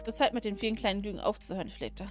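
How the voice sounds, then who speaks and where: A woman voicing a calm, cold female doll who sees herself as a queen, speaking in a low, measured, solemn way. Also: music in the background, lightly acted.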